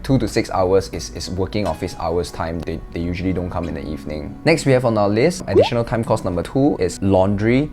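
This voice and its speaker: Deep-voiced young man vlogging. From Malaysia. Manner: conversational, walks through a list item by item. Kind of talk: casual explanatory vlog.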